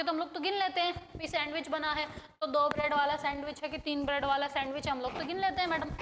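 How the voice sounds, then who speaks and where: A woman with a Hindi accent teaching an English grammar lesson, drilling word lists and quizzing her students in a brisk, coaxing way. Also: sits high, a bit bright, big-room sound, slight background noise. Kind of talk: classroom-style grammar lesson. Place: coaching institute in India.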